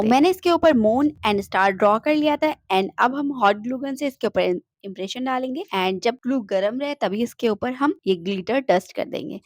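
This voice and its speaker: A woman's voice: fairly high pitch, a little mellow, no room sound. A young woman recording a chatty voice-over for a craft tutorial at home, mixing English words into her Hindi. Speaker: DIY craft channel host. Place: home, traffic outside.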